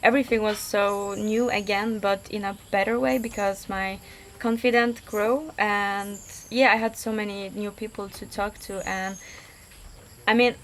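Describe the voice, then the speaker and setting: Answering interview questions as a guest, a Polish-accented woman in her twenties speaks at a middling pitch with a steady, fairly bright tone. She goes slowly and hesitantly, filling her speech with fillers and restarts. A faint background noise can be heard in this casual interview.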